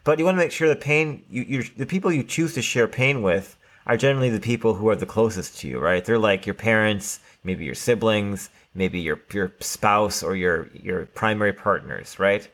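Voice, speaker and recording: Low-voiced man chatting on a podcast. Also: normal speed, few pauses, fairly bright tone. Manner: conversational, many fillers like "like" and "right?". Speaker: podcast co-host. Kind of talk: casual podcast discussion.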